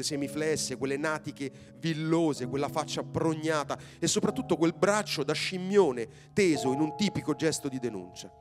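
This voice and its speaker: A man reading a story aloud with vivid, expressive delivery on a theater stage at a public event. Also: fairly high pitch. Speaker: reader. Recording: live stage reading with music.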